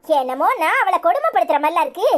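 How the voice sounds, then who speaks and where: A woman voicing a sharp-tongued, resentful young wife in a cartoon, with a Tirunelveli Tamil accent and quick cutting complaints. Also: extremely high pitch, big pitch swings, heavily acted. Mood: angry. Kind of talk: cartoon voice acting.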